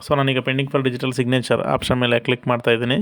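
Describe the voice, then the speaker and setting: A man narrating a step-by-step software walkthrough in a steady instructional manner. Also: medium pitch, a little fast. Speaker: software tutorial presenter. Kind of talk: screen-recorded software walkthrough.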